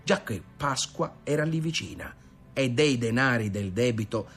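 A man reading a classic novel aloud, his pitch rising and falling widely as he tells the story. Faint music runs underneath the narration. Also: moderate pace. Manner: expressive storytelling. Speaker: audiobook reader. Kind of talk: literary narration.

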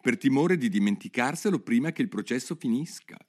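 A man's voice: medium pitch, expressive, brisk, pitched above the performer's own voice, close to an everyday voice. A man voicing a griffin in a storybook reading, in a whispered, matter-of-fact way. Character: whispering griffin, a calm mythical beast.

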